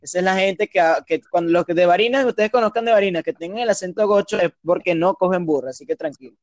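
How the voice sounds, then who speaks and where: High-voiced joking Venezuelan man. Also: fast talker, no echo. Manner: joking, tells jokes, teasing. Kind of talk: casual crude banter.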